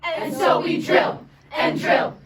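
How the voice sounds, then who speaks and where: A chorus of young women reciting dramatic poetry in unison, loudly and emphatically. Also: female voice, slow pace, very noisy. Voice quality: loud, emphatic projection. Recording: echoey, distant mic, loud crowd of voices.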